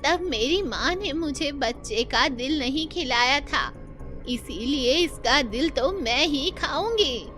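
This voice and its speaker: A woman's voice: high voice, expressive, slow, pushed and bright, heavily acted. A woman voicing a greedy, stubborn old witch mother in an old-hag manner for a children's horror cartoon story. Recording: music behind the voice.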